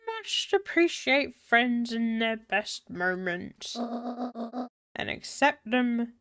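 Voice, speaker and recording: A woman reading as a gentle wise grandma. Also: on the high side, big pitch swings, clear, resonant tone, no room sound, studio quality, faint music behind, heavily acted. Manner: soft, measured, advice-giving.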